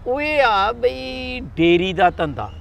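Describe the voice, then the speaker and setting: A man's voice: very high voice, sing-song, takes it slowly, gravelly, a bit bright, a little hiss or hum. A man with a Punjabi accent hosting a farm talk show, leading the interview and often checking in with his guest. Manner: leading, frequent "hai na" check-ins. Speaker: host.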